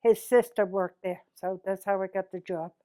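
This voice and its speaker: A woman's voice: mid-range voice, steady tone, normal speed, warm tone, dry recording, clean studio sound. A woman in her seventies from East Boston with a Boston accent and a plainspoken manner. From East Boston, Massachusetts, USA. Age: 70s. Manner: plainspoken, short blunt answers. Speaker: interviewee. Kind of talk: reading test sentences and answering interview questions.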